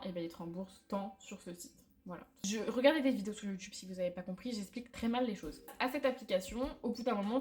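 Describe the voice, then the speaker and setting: Chatty French-speaking woman vlogger. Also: mid-range voice. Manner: chatty, candid, self-mocking, many fillers. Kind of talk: casual chat to camera. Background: faint background music.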